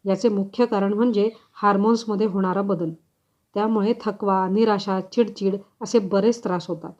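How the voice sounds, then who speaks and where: Woman reading a story out loud, mid pitch, kinda dull lo-fi sound. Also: steady tone, moderate pace. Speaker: story reader. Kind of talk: audiobook story narration. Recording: slightly dull lo-fi recording.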